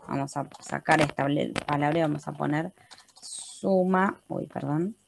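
An Argentine woman leads a webinar computer class, walking students through a spreadsheet one step at a time. Her voice sits low and carries a gravelly edge. She is patient and keeps checking in with a quick "¿sí?". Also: a little hiss or hum. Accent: Argentine Spanish. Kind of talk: step-by-step software tutorial. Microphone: computer mic in a webinar.

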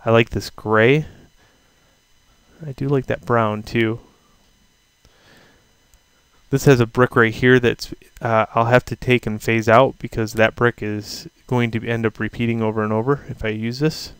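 A man teaching a software tutorial over a screen recording, talking casually and thinking aloud with fillers. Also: medium pitch, fairly even intonation, normal speed, clear, resonant tone, no echo. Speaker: instructor.

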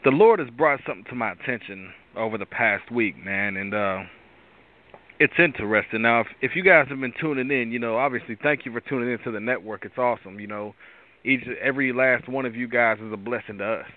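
A tired male host with a raspy voice, giving a rambling devotional talk with many restarts. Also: medium pitch, brisk. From Pittsburgh area. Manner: rambling, restarts often, preachy asides. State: tired from lack of sleep. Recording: tinny phone-line sound.

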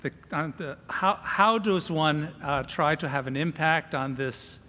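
Bright-voiced man giving a measured panel answer. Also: fairly high pitch, slight background noise. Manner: hesitant start, measured and reasoned. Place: large conference hall. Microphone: table microphone. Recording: reverberant conference hall.

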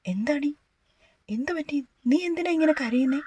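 A woman's voice: sits high, lively intonation, moderate pace, mellow, dry recording, pitched above the performer's own voice. A woman voicing a short-tempered but caring young husband who scolds and then coaxes. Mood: worried.

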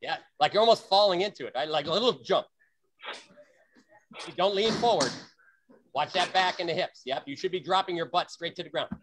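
Bright-voiced man coaching on a video call. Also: high voice, fairly quick, long pauses, a little hiss or hum. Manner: demonstrates with sharp shouted breaths. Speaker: fight practice coach.

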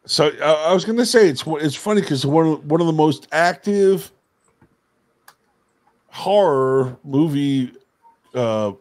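A man's voice: fairly high pitch, expressive, slow, pauses often, darkish tone. A man co-hosting a video call interview, rambling and playful. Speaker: co-host.

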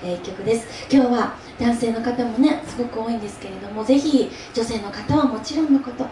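A woman's voice: fairly high pitch, fairly quick, background noise. A woman from Osaka, an enka singer chatting with her audience between songs, laughing often and using many fillers. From Osaka, Japan. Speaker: enka singer at a mini live event. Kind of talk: stage talk between songs. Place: music shop event space with audience. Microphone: handheld mic. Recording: echoey room, voice from a distance.

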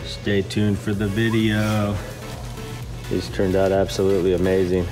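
A man's voice: low-pitched, flat delivery, unhurried, over music. Upbeat man touring an echoey warehouse. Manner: upbeat, chatty, greets coworkers. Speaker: vlog host giving a warehouse tour. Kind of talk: casual walk-and-talk vlog. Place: large indoor warehouse. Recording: echoey warehouse room sound.

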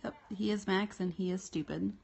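A woman's voice: mid-range voice, fairly even intonation, normal speed, vocal fry, darkish tone, husky. A woman chatting casually in short questions, patiently humoring someone and echoing back what she hears. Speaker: caregiver filming and questioning the patient. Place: small bedroom, indoors. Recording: muffled phone video with noticeable noise.

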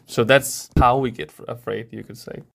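A man's voice: medium pitch, steady tone, normal speed, gravelly, a bit bright. A middle-aged man from Denmark, a researcher, explaining science to kids in a thoughtful way, with many fillers and restarts. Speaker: researcher guest.

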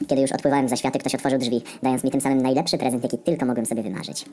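Fast, dark-voiced deadpan male storyteller. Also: mid-range voice. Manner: deadpan, wry storytelling with frequent swearing. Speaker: narrator. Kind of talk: comedic story narration.

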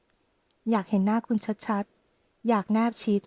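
A tender young male lover from a romance audiobook, read by a woman. He speaks softly and slowly with an intimate, teasing warmth. The voice sits a little high and the recording is dry and close. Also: no echo, lightly acted. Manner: soft, slow and intimate.

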